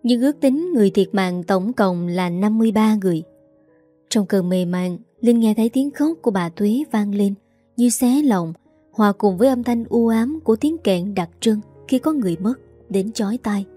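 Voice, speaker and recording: Woman, story narrator, dramatic, steady delivery, warm, faint background music. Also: medium pitch, normal speed. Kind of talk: scripted narration of a melodrama story.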